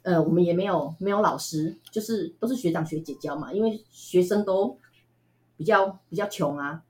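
A woman from Taiwan with a Taiwanese Mandarin accent, telling stories as an interview guest in a chatty, animated way with frequent laughs. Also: on the low side, normal speed. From Tainan, Taiwan. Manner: chatty, animated, laughs often, many fillers. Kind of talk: casual storytelling interview.

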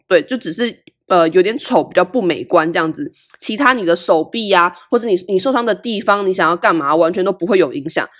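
A young woman, hosting a podcast and telling a personal story in a candid, casual way. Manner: candid and animated, with big swings in pitch. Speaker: podcast host.

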